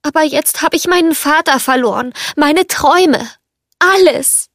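A woman's voice: on the high side, moderate pace, no room sound, studio quality, natural voice. A woman voicing a proud, earnest young woman held captive, in a storybook reading.

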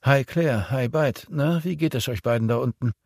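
Ein Mann spricht in einem Hörbuch eine muntere Navigationsoffizierin mit lockerem, leicht angehobenem Ton. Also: male voice, medium pitch, moderate pace, vocal fry, darkish tone, dry recording, studio quality, pitched above the performer's own voice. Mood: munter. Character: friendly female navigation officer on a screen.

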